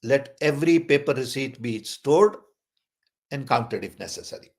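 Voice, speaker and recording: Slow, deliberate man. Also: medium pitch, lively intonation, gravelly, darkish tone. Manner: deliberate, measured explanations. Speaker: guest speaker. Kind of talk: discussion talk.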